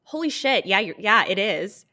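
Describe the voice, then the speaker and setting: Bright-voiced chatty woman podcast host. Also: very animated, moderate pace. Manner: chatty, laughs often, mimics characters in a breathy high voice. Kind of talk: casual chat.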